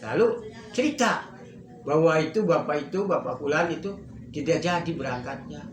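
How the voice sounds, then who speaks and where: A man preaches by telling a story, fairly high-voiced and animated, pushing into emphatic bursts. His voice rings in a roomy, echoing space. Faint ambience sits behind it. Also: normal speed, noisy background. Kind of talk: storytelling sermon.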